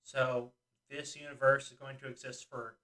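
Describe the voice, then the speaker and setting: Casting: young male podcast co-host, bright and chatty, a bit distant from the mic. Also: medium pitch, level tone, moderate pace. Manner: chatty, recapping with frequent ums and laughs. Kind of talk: casual chat.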